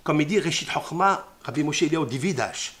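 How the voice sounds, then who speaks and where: A man teaches a scripture lesson in a fairly high voice that rises and falls in wide, lively swings. He drops to hushed murmurs, then bursts into loud exclamations, weaving Hebrew terms into his explanation. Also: fairly quick. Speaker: Torah teacher.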